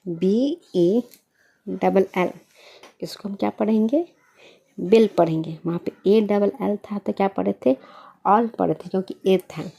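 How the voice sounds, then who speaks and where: A woman's voice: mid-range voice, measured pace, gravelly, long pauses, dark tone, husky. A young woman teaching a basic English reading lesson, who asks a question and then answers it herself, patiently spelling out each word.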